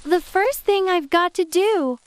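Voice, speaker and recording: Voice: very high voice, a little slow, voice pushed up. Alice, a prim curious little girl. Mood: musing. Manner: prim, wondering, talks to herself. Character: curious polite young girl. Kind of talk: dramatized audiobook reading.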